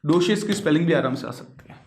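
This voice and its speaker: A man's voice: on the high side, expressive, fast talker, darkish tone, a little hiss or hum. A man from western Rajasthan, teaching a lecture and explaining through examples and rhetorical questions, with English words mixed in. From western Rajasthan, India. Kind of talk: spoken lecture.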